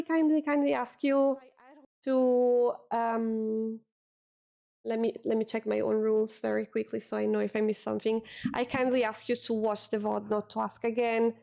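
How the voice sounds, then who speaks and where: A young Italian woman talks casually to her stream chat at a desk mic, chatty and reading chat aloud while repeating words. Her gravelly voice sits a little high and has a dark tone.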